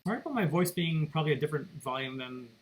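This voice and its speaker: A man's voice: fairly high pitch, animated, racing, a little mellow, rough recording. A man teaching math, walking students through calculator steps in a casual, think-aloud way while seated at his computer. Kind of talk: recorded calculator tutorial lecture. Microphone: computer mic.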